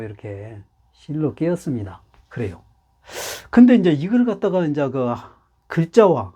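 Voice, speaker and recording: Here the voice is fairly high but dark in tone, belonging to a man teaching Hanja. His lively class on Chinese characters is marked by patient explanation and frequent repetition.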